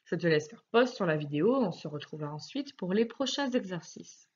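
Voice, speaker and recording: Here the same French-accented primary teacher leads a recorded phonics class for little kids, slow and deliberate, stressing every word in a sing-song way. Her voice runs low, slightly mellow and breathy, with lively intonation, captured on a muffled recording.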